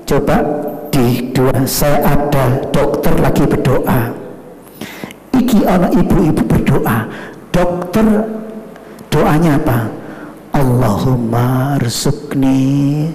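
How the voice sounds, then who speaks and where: A male preacher giving an animated sermon, shouting some phrases and drawing others out low. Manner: animated, swinging between loud emphatic shouts and low drawn-out phrases. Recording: echoey room with music behind.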